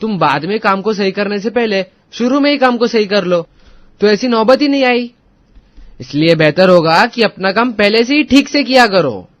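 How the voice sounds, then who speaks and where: Guy doing a stern young cartoon husband, lectures, pretty high voice. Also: normal speed, lightly acted. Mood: angry.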